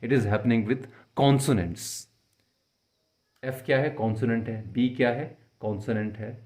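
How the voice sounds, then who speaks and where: A man's voice: medium pitch, a little mellow. A young man teaching a literature lesson, explaining patiently and repeating questions and examples for his students. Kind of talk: explaining literature lesson in Hindi mixed with English.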